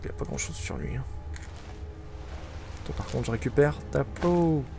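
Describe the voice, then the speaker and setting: Gravelly-voiced man muttering gameplay commentary. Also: mid-range voice, very animated, moderate pace, over music. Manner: wry, muttering asides to himself. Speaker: let's play gamer.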